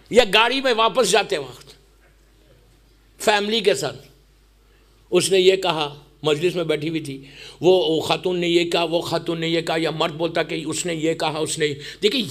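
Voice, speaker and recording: A man preaching a sermon to a large gathering, impassioned and often shouting, mixing English phrases into his speech. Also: on the high side.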